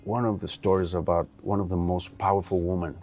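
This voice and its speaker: A man's voice: low-pitched, level tone, brisk, darkish tone, soft background music. A man in a casual interview, earnestly telling stories about making a film. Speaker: film director guest.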